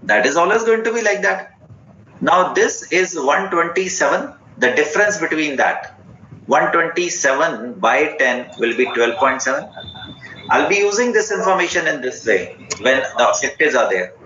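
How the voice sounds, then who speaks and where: A man's voice: on the high side, animated, moderate pace, sharp tone, reverberant. Man, Indian accent, online class teacher, repetitive questioning delivery, dull lo-fi sound, faint noise. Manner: repeats short phrases and instructions, questioning students directly. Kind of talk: interactive online lesson, mixing English and Hindi. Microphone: online class call.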